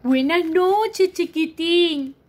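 A woman voicing a gentle, loving mother elephant in a storybook reading. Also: extremely high pitch, very slow, pitched above the performer's own voice, heavily acted. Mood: tender.

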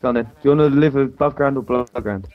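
A man's voice: medium pitch, very fast. A young man, teasing and boasting with a giggle while gaming. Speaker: let's play co-host. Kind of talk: casual gaming chat. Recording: dull lo-fi sound with faint music.

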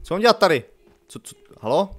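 A man giving casual, jokey let's-play commentary, swinging from loud excited outbursts to low mutters. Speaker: gaming youtuber.

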